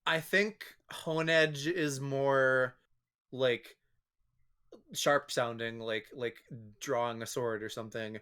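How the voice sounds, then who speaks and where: A young man as a guest in a casual gaming chat, thinking aloud with fillers and making squeaky sound effects. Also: slow, pushed and bright, clean tone.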